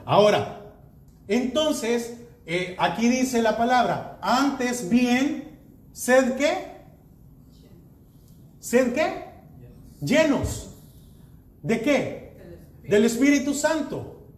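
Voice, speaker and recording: A man's voice: very high-pitched, very animated, very slow, long pauses, reverberant. A man pastor preaching a sermon, reading verses aloud and asking the congregation rhetorical questions.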